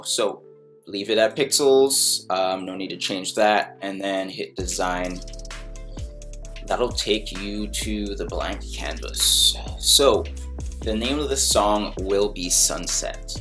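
A music producer from Barbados casually walking through a screen-recorded design tutorial, with many ums and restarts. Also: male voice, low-pitched, slow pace. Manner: relaxed, full of ums and restarts.

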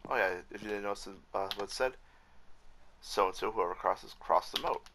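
A man's voice: fairly low pitch, moderate pace, fairly bright tone, slight background noise. A man giving casual, frustrated commentary while rebuilding a game map, swearing often and correcting himself as he goes. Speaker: Minecraft YouTuber.

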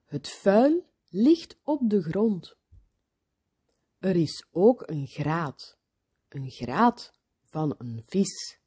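Woman storyteller for kids, very slow read-aloud, lively up-and-down delivery, dips into whispers. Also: fairly low pitch, slightly rough. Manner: very slow, expressive, drops to whispers.

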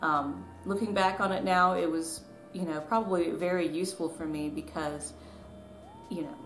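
This woman, a southern US author and vlogger in her thirties with ties to Tennessee and Georgia, speaks on the low side in a steady tone at normal speed, soft music underneath. She chats casually to camera, telling a personal story while making light of herself. The recording, from a small living room at home, is echoey with background noise.

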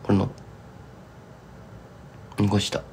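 He draws out his words in a slightly mellow voice. The speaker, a young singer-songwriter from Kumamoto, Japan, is streaming live and chatting casually with fans, rambling and falling into thick Kumamoto dialect.

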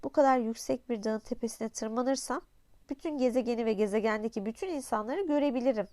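A woman voicing a small, gentle boy prince who is curious and lonely, in polite, wondering tones. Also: a little high, fast talker, dry recording, close to an everyday voice. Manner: polite, wondering, soft-spoken. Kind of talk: audiobook character voice.

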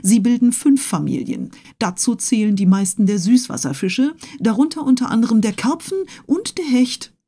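Mellow woman narrating an audiobook. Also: a little high, expressive, moderate pace, hardly any pauses, breathy edge. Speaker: audiobook reader. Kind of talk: scripted narration.

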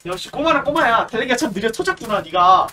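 A man's voice: extremely high pitch, very animated, quick pace. A man streaming a horror game, chatting casually, teasing the characters and yelping at every scare. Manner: jumpy, yelps and shouts at scares, teasing banter. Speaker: gaming streamer. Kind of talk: horror game let's play commentary. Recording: distant mic with clear background noise.

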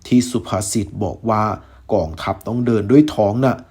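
A man voicing a weakened but tender man who speaks in a warm, reassuring way. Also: on the low side, a little fast, slightly rough.

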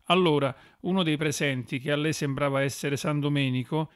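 A man narrating a religious audiobook in a measured, solemn way. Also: fairly high pitch, clear, resonant tone, no echo, studio quality.

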